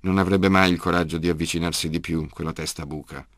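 Brief: male audiobook narrator, very low and gritty, close and dry, measured delivery. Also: flat delivery, a bit bright, dry recording. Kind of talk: scripted narration.

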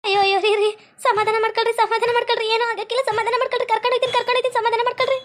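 A woman's voice: extremely high pitch, flat delivery, very fast. A woman playing a frantic young village wife, wailing and repeating herself. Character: frantic young village wife fussing over her husband. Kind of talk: village comedy skit.

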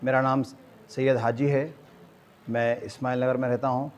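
An older community organiser from Hyderabad, India, speaking with a Hyderabadi accent, gives a formal address to camera in a small indoor clinic room, repeating filler phrases. His medium-pitched voice is level in tone at a moderate pace.

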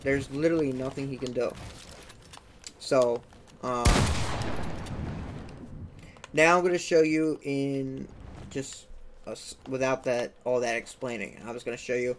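A young man giving a casual gameplay walkthrough as the channel's creator, chatty, often checking in with "okay?" and adding "boom" sound effects. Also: fairly even intonation, a little slow, pauses often, slight background noise. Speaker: gaming tutorial creator.

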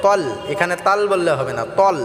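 A man teaching how to pronounce verses, explaining each sound slowly and chanting the lines in a drawn-out way. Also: high-pitched, fairly bright tone. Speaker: Quran recitation teacher. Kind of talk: tajweed lesson with chanted recitation. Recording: echoey hall with faint music.

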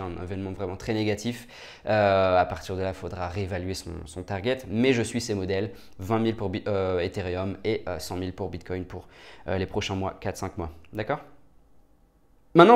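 A man talks his viewers through market charts in a loose, off-the-cuff way. His voice sits fairly low, and he peppers it with fillers and quick "okay?" check-ins as he goes. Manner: many fillers and restarts, asks "d'accord?" often. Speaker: crypto market analyst. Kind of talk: casual screen-share chart analysis.

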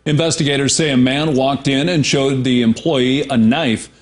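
A male news anchor reading scripted local news in a steady, measured way. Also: medium pitch.

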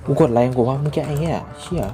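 A young man giving casual, excitable gameplay commentary and swearing often. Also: fairly high pitch, very fast. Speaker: gamer.

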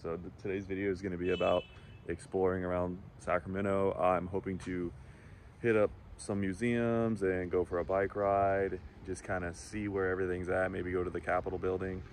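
A man's voice: low voice, flat delivery, normal speed. A man chatting casually to viewers in a travel vlog as he walks around a city outdoors, talking into a handheld camera. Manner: chatty, talks to viewers while walking around town. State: out of breath after jogging. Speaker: vlogger. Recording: loud street and traffic noise.

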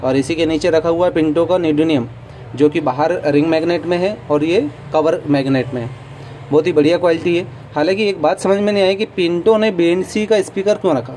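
A man's voice: a little high, brisk, a little mellow, a little hiss or hum, rough recording. A man walking through a trade show stall, chatting to his viewers about the gear with opinionated asides, recorded on a handheld phone. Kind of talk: casual walkthrough vlog. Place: busy indoor trade show hall. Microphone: phone camera held while walking.

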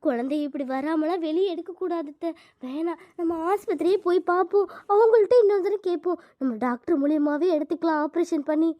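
A woman's voice: extremely high pitch, fairly quick, no echo, lo-fi sound. A woman voicing a frightened young pregnant wife who begs her in-laws in a cartoon. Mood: pleading. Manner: pleading, tearful.

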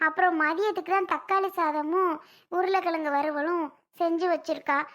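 A meek, tired mother-in-law who gives in to everyone in the house, as a performer acts her out. Her voice is high and bright, soft and resigned, in a family comedy skit. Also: fairly even intonation, moderate pace.

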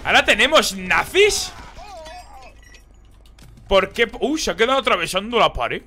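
A man doing live gameplay commentary as a streamer, excitable and swearing as he reacts to the game. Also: high-pitched, a little slow. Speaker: gaming streamer.

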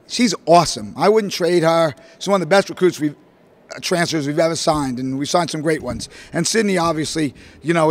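A middle-aged male basketball coach answering questions at a postgame press conference, talking in animated, rambling bursts full of fillers into a podium microphone. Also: on the high side. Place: press room, standing at a podium before a logo backdrop.

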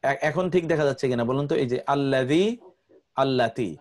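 A man's voice: mid-range voice, fairly quick. A man teaching an online grammar class, patiently repeating word lists for students to memorize.

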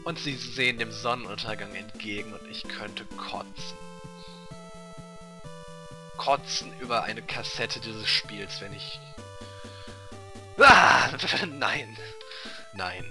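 A man's voice: medium pitch, slow pace, long pauses. A man playing a video game and commenting on it, sarcastic and mocking. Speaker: let's player. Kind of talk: gameplay commentary. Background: game music.

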